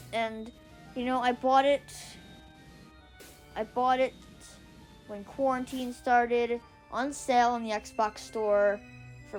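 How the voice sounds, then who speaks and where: A woman with a squeaky voice giving casual, rambling gameplay commentary, often going off on tangents and restarting her sentences. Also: low-quality recording. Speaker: gaming video creator. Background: faint music and controller clicks.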